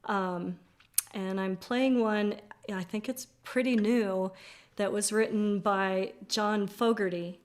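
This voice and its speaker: A woman folk singer chatting before her song in a soft, hesitant way that trails off. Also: mid-range voice, steady tone, slow pace. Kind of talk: casual chat before a song. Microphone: video call. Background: acoustic guitar.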